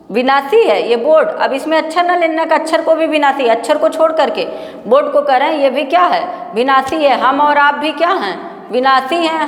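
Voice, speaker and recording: A fairly high-pitched woman teaching a grammar lesson, explaining patiently. She poses questions to the class and answers them herself. Her voice rings through a classroom with a long, echoing reverb. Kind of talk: Sanskrit grammar lecture.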